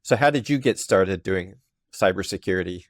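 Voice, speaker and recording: A man's voice: sits low, animated, moderate pace, dry recording, clean studio sound. A man hosting a podcast interview, asking short questions and chiming in with agreement. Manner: brief questions and agreeing replies. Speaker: podcast host. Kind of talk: casual interview.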